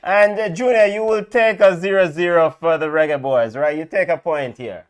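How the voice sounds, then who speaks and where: A man co-hosting a football watch-along, calling lineups and play in a lively casual way with many fillers. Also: fairly high pitch, normal speed.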